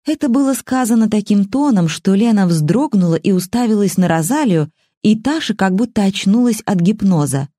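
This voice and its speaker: A woman narrating an audiobook with an expressive, dramatic reading. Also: mid-range voice, moderate pace, no echo, studio quality.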